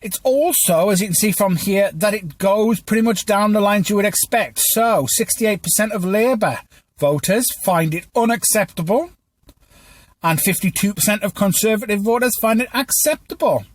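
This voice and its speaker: High-pitched man, stiltedly reading a script. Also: expressive, moderate pace, no room sound. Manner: stilted teleprompter-style reading with stumbles. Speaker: podcast host. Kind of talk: scripted news commentary read aloud from a script.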